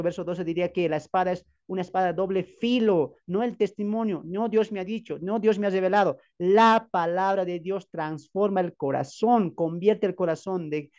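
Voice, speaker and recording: Emphatic pastor preaching. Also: male voice, high-pitched, darkish tone, lo-fi sound. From Bolivia. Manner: emphatic, many rhetorical questions, repeats phrases for stress. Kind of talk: preaching Bible teaching. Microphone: video call.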